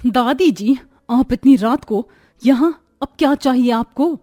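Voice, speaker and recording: A woman voicing an exasperated young daughter-in-law in an animated story, complaining about her in-laws. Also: sits high, a little slow, no room sound, studio quality, faint music behind. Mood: irritated.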